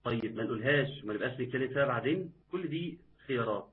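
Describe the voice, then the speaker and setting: A man's voice: medium pitch, lively intonation, racing. Egyptian man teaching recitation over a tinny line. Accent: Egyptian Arabic. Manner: patient, repeats words and quizzes viewers. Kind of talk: live online recitation lesson.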